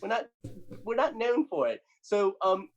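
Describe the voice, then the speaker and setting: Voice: mid-range voice, sing-song, unhurried, gravelly, pitched above the performer's own voice, rough recording. A performer playing a cheeky, self-important young girl cartoon pig at a mock press conference, bluffing and rambling through the answers with lots of ums and restarts. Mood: giddy.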